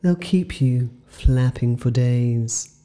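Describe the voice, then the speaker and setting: A woman voicing a spoof ad announcer with a slow, deep sales drawl in a hobby audio drama. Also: mellow, soft background music. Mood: salesy.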